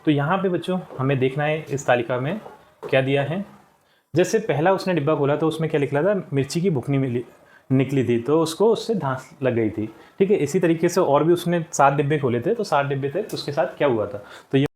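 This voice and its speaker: Male teacher, slightly higher voice, patient and repetitive, talking young pupils through exercises. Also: brisk, a little mellow. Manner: patient, repeats answers and checks with "ठीक". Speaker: school teacher. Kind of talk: explaining a textbook lesson to children.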